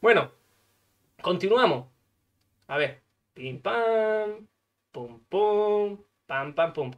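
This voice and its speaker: Man, gaming streamer, casual storytelling, animated, coughs now and then. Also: high voice, extremely slow. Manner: animated, swears, acts out dialogue. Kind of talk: casual storytelling while playing.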